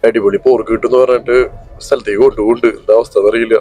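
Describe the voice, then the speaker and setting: A man's voice: medium pitch, fairly even intonation, rapid-fire, warm tone, faint music behind. A man chatting casually and bantering as a companion on a food vlog. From Thrissur, Kerala. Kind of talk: casual chat.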